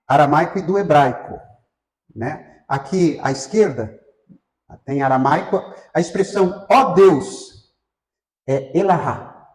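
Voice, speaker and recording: A man's voice: fairly high pitch, a little mellow, roomy sound, low-quality recording. A man with a Brazilian Portuguese accent teaching a church Bible class in a conversational way, often checking in with his listeners. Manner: conversational, asks the class questions, many fillers.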